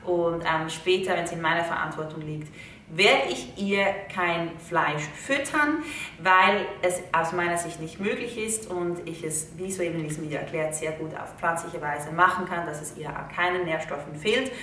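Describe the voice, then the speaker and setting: A young woman with a bright, forward voice explains things casually to her viewers, talking in a chatty, earnest way. She sounds a little low for a woman and sits some distance from the mic in a very echoey living room. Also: normal speed, slight background noise. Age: young adult. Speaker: video host. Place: living room indoors, seated in an armchair.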